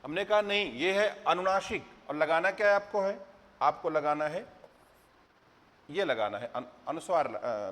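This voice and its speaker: A middle-aged man lectures exam candidates on literature and grammar. His voice sits a bit high, and he keeps asking rhetorical questions and reciting verse. The sound rings with a long hall reverb. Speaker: teacher.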